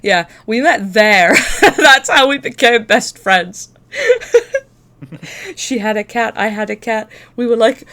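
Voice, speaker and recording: A woman's voice: a little high, big pitch swings, takes it slowly, bright, forceful tone. A woman hosting a casual livestream, chatting in an informal, profane, talkative way. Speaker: live stream host.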